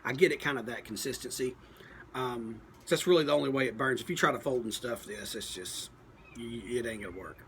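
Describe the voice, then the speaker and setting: A man with a medium-pitched voice talks through a review off the cuff. He pauses to think aloud and keeps his wording plain and folksy. A clear layer of background noise sits behind him. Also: fairly bright tone. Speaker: pipe tobacco reviewer. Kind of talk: casual product review, unscripted talk.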